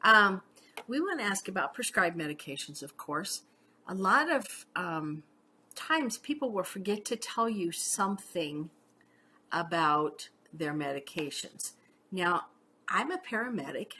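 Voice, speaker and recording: Woman, middle-aged, paramedic educator; lowish pitch, conversational lecture with personal asides, light background noise. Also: sing-song, a little slow, sharp tone. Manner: chatty, uses "okay?" checks and personal stories. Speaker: paramedic instructor. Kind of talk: casual teaching lecture.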